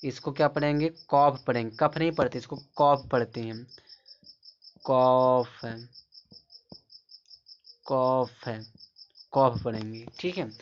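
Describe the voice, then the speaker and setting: A man teaching English pronunciation in a classroom-style lesson, repeating each word several times and asking the learners rhetorical questions. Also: mid-range voice. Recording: slightly dull lo-fi sound with faint background noise.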